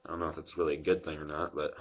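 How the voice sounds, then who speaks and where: A man's voice: a bass voice, flat delivery, rapid-fire. A man in his twenties giving a casual, unscripted review with swearing, talking with a lip packed full of dip into a webcam mic. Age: 20s. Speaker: product reviewer vlogger. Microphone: webcam microphone at arm's length. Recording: dull lo-fi webcam audio.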